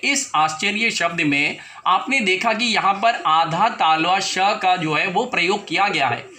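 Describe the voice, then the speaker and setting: A high, bright-voiced man teaches young students, drawing out each sound and repeating words patiently so they can follow. He talks slowly and clearly. The room has a noticeable echo. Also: a little hiss or hum. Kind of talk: slow classroom explanation to children.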